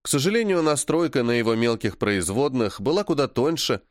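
A man reading a first-person fantasy audiobook in a measured, matter-of-fact way. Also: medium pitch, big pitch swings, dry recording, studio quality. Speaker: audiobook narrator.

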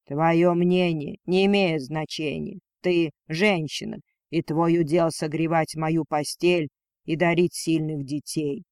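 A man voicing a cold, domineering male dragon lord in a storybook reading, speaking slowly and with contempt. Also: a little high, fairly even intonation, a little mellow, no echo, studio quality. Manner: slow, commanding, contemptuous.

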